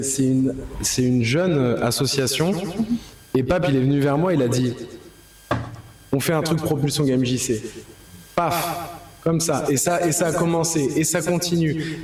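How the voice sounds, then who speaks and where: A man's voice: a little high, fairly even intonation, moderate pace, a little mellow. A man, a singer being interviewed, talking in an earnest, rambling way with many restarts. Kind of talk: casual interview talk. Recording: echoey room.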